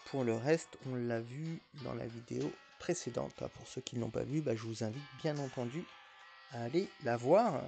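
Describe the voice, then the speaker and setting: Male gaming YouTuber, casual chatty commentary, mid pitch, a bit of vocal fry, stop-start delivery. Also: moderate pace, warm tone, faint music behind. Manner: chatty, rambling, with frequent hesitations and restarts.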